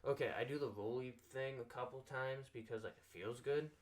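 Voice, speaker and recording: A man's voice: medium pitch, brisk. A young man hosting a casual podcast chat, rambling and swearing freely. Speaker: podcast host.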